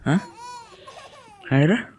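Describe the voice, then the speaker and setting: A young man who hosts a gaming channel gives horror game commentary with an Egyptian Arabic accent, jumpy and talking back to the game, muttering prayers when frightened. He speaks slowly with a darkish tone, and there's slight background noise.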